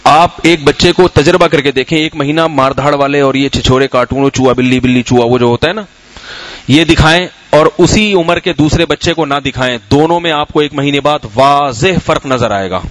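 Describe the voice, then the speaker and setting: A middle-aged Pakistani man, an Islamic scholar, gives a conversational sermon with a Q&A feel, telling anecdotes and putting questions to the audience. His voice is fairly high, the recording is low quality, and there's no room sound.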